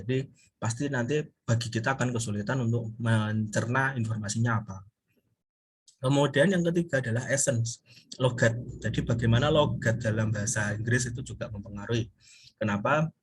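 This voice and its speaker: A university teacher delivers an informal recorded lecture in English, his voice husky and on the low side. His explanations come haltingly, with frequent pauses as he searches for words.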